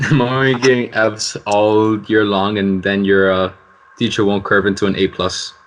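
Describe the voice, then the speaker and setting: Low-voiced young man teasing friends. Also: flat delivery, moderate pace, a little hiss or hum. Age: young adult. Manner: teasing, joking banter. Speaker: podcast host. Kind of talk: casual chat.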